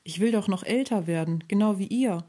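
A woman voicing a soft, gentle talking fir tree. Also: medium pitch, brisk, natural voice. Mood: pleading. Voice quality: soft rustling voice. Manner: polite, pleading.

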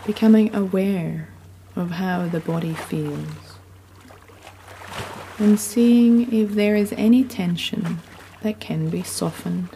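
A woman giving soothing, unhurried sleep story narration, gently guiding the listener through relaxation. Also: fairly low pitch. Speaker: guided sleep meditation narrator. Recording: long reverb, audible background noise.

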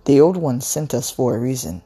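A woman reading aloud and voicing a calm teenage boy, dazed and matter-of-fact. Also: rumbling low, normal speed, breathy edge, faint music behind, exaggerated voice. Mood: steady.

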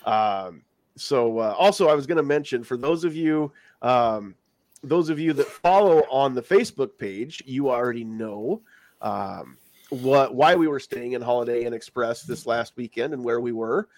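Darkish in tone, mid-range, and at normal speed, this man's voice is recorded dry. He hosts a casual live-stream podcast chat while congested from a cold he's getting over, speaking around a lozenge.

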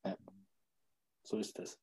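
Speaking slowly with a warm tone, this podcast guest talks emphatically in conversation. He repeats his key phrases and keeps asking "ja?" to check in with the listener.

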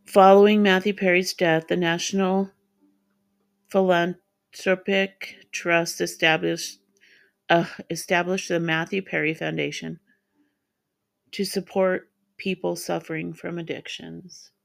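A middle-aged woman hosting her own podcast, speaking in a halting, heartfelt way as she gets emotional. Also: fairly low pitch, level tone, vocal fry. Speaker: podcast host. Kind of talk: emotional solo podcast tribute.

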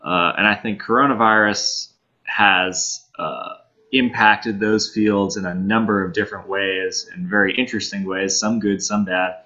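A man's voice: lowish voice, steady tone, unhurried, bright, forceful tone. A young man from New York, a guest on a casual podcast, talking in an easygoing, rambling way with many fillers. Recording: slightly dull lo-fi sound.

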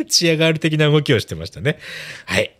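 A man's voice: on the high side, moderate pace. A man hosting a casual bilingual chat show, talking animatedly and laughing often. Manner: animated, laughing, switches between Japanese and bits of English. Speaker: host.

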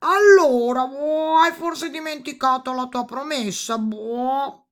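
A woman voicing a big, cheeky male toad who croaks between his words in a storybook reading. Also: sits high, slow pace, pitched above the performer's own voice. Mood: insistent. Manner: breaks lines with a croaking "boh".

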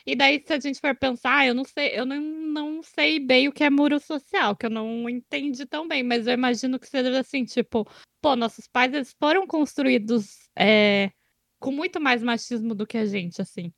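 A woman's voice: sits high, moderate pace, creaky, a bit bright, dry recording, clean studio sound. A woman with a Brazilian accent hosting a casual podcast chat. She is chatty and often tags her phrases with questions. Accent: Brazilian Portuguese. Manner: chatty, often ending with "né?" and "sabe?". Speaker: podcast host.

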